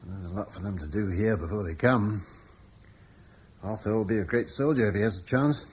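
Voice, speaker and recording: In a radio drama, an actor portrays a humble, devoted soldier husband who is plain-spoken and asks questions in an understated, wistful way. His male voice is on the low side and slightly rough, at a moderate pace.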